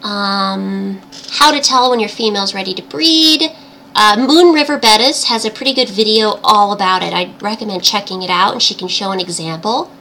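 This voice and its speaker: A woman with a tiny, girlish voice like a cartoon princess hosts a casual livestream chat, cheerful, giggly and chatty. Her voice is on the high side, bright and forceful, and the rough livestream audio carries background noise.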